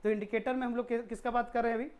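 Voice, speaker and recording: A science teacher races through a chemistry lesson in a fairly high, darkish, fairly monotone voice, firing off rhetorical questions and answering them while mixing in English technical terms.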